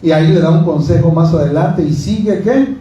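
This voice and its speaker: A pastor with a fairly high, warm voice speaks a little fast while preaching in a church hall, chatting with the congregation, asking them questions and joking. The audio is dull with a little hiss or hum, captured from far off in an echoey hall.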